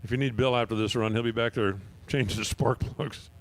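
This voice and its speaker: A man's voice: medium pitch, fairly even intonation, brisk. A man announcing drag races at the track, reading times and speeds and joking between runs. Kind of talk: drag race commentary. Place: outdoor drag strip.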